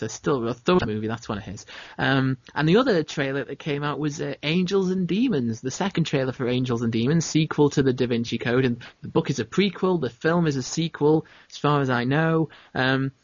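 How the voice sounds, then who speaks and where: A man's voice: medium pitch, lively intonation, normal speed, dry recording, muffled recording. Chatty man hosting a film podcast. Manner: opinionated, chatty, with frequent fillers and restarts. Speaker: podcast host. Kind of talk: casual film chat.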